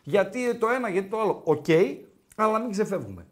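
A man co-hosts a live sports talk stream in casual banter. His voice sits high and swings widely, and he acts out the dialogue as he tells a story. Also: expressive. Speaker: co-host of a sports talk show.

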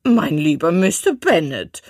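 A woman reading an audiobook gives full voice to a fussy, excitable middle-aged mother who insistently pushes her husband toward matchmaking in shrill, breathless bursts. The voice leaps high and swoops widely with a husky grain, though the pace stays measured. The recording is dry and close.

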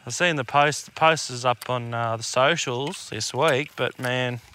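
Bright, blokey Australian man, like a tradesman. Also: medium pitch, unhurried, slight background noise. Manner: laid-back blokey Aussie tradesman talk, slangy and sweary. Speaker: podcast co-host. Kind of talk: casual chat.

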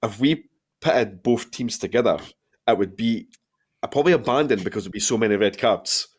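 A man's voice: fairly low pitch, breathy edge. A Scottish man in his thirties hosting a casual football podcast, bantering and reading out listener questions. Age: 30s. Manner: bantering, quick laugh, reads listener questions. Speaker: podcast host.

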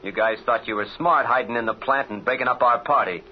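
A man's voice: medium pitch, fairly quick, natural voice. An actor playing a gloating small-time crook with taunting wise-guy slang, in 1930s radio serial style. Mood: peeved. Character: gloating, mouthy male escaped crook, small-time thug. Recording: muffled, hissy vintage radio recording.

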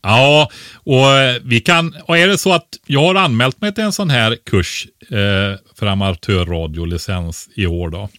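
A man with a medium-pitched, fairly bright voice co-hosts a podcast, explaining things in a casual, teaching manner and often ending statements with a short questioning word. The studio recording is clean, with no echo.

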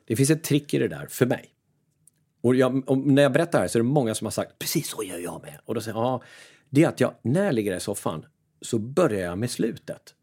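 A mental coach with a husky, mid-range voice shares casual advice. He's lively and self-mocking, voicing the different inner voices in his own head.

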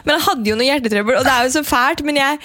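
A woman telling stories in casual chat as a podcast co-host, animated and quick to break into loud laughter. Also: sits high, no room sound.

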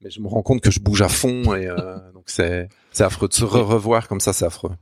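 Man, Namur Belgian accent, rambling, self-mocking, low voice, dry sound. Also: brisk, no room sound. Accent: Namur Belgian French. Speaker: university Spanish teacher, guest. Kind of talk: casual podcast chat.

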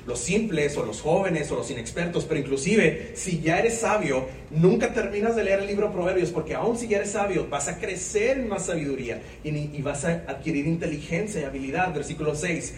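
Pastor preaching in a roomy church. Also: male voice, a little high, expressive, fairly quick, hardly any pauses, a little hiss or hum. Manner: conversational, jokes with the congregation, many restarts. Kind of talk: sermon. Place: church sanctuary. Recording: roomy church sound from a distance.

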